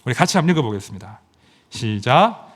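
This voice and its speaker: A middle-aged man preaching a sermon as pastor, emphatic and animated, swinging from loud exclamations to quiet asides and asking rhetorical questions. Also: medium pitch, fast. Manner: asks the congregation rhetorical questions.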